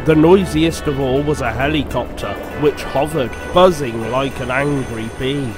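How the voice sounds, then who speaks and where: Slow, measured male storyteller. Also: medium pitch. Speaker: narrator. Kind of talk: storybook reading. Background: music.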